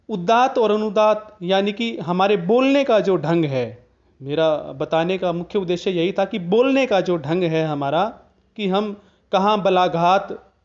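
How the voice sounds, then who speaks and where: A man lectures on Hindi grammar in a high voice, taking each point slowly and carefully. He stops now and then to chant a Sanskrit phrase in an old recitation style. The sound is somewhat dull and lo-fi. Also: darkish tone. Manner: slow, deliberate explanation with chanted Sanskrit examples. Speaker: Hindi teacher.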